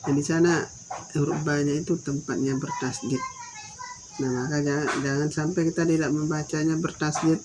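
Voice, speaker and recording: A man teaching Quran recitation, explaining patiently and repeating his points, then chanting verses slowly and drawn out. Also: a little high, steady tone, noisy background. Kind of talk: slow explanatory recitation lesson.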